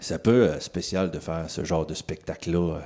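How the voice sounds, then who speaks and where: A man's voice: rumbling low, brisk, warm tone. A singer-songwriter from the Magdalen Islands with a Magdalen Islands French accent who drops his R sounds, chatting easygoingly between songs with many restarts. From Magdalen Islands, Quebec. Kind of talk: casual stage talk between songs.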